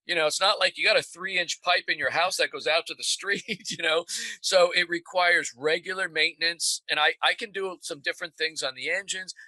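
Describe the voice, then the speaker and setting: A man's voice: on the high side, steady tone, normal speed, pushed and bright, no room sound, low-quality recording. A man guest in a casual interview, telling upbeat, proud stories about fixing his boat himself. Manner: upbeat, proud, jokey storytelling.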